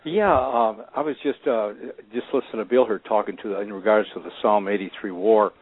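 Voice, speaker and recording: A man, calling in to a radio show over the phone and speaking in a hesitant, halting way. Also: lowish voice, dry recording. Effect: heard through a phone line. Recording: tinny phone line.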